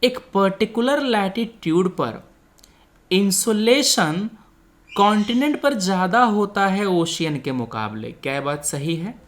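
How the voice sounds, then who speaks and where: With a high-pitched, fairly bright voice and lively intonation, this man delivers a slightly slow exam coaching lecture with quiz questions. He explains didactically in Hindi sprinkled with English technical terms, often checking understanding.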